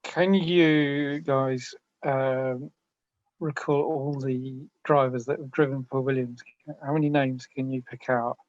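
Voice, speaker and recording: Brief: podcast co-host, mid-pitched, prompting questions, muffled recording. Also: male voice, steady tone, takes it slowly, darkish tone, no room sound. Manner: asks questions, steers the talk. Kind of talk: casual chat. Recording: dull lo-fi audio.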